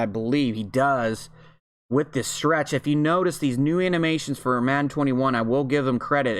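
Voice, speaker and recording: A man at home giving casual, informal play-by-play commentary on a football video game. He breaks into loud yells on big plays. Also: mid-range voice. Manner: chatty and informal, with fillers and slang. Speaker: league host and game commentator. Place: at home, with family in the room above.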